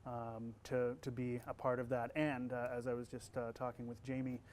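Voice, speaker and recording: This man is a voice actor and college instructor, chatting his way through interview answers with lots of fillers and restarted sentences. His voice sounds youthful and sits in an ordinary middle pitch, and a faint hiss of ambience lingers in the background.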